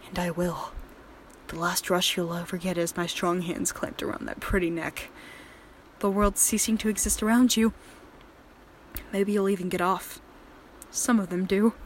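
A woman's voice: medium pitch, slight background noise, natural voice. A woman voicing a volatile, possessive male killer in an audio drama, speaking in a controlling, threatening manner. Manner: menacing and controlling, soft-spoken then raging. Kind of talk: erotic horror audio drama.

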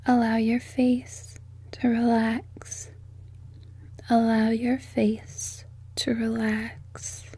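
Woman, breathy whisper, very slow and flat, soothing repetitive sleep-hypnosis read. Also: on the high side.

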